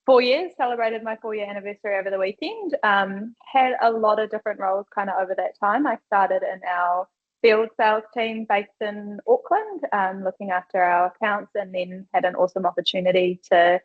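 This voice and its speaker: A woman's voice: medium pitch, a little fast. A woman with a New Zealand accent, introducing herself on a webinar panel in an upbeat, chatty, casual way. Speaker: customer experience and field sales manager. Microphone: video call. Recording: dull lo-fi video call audio.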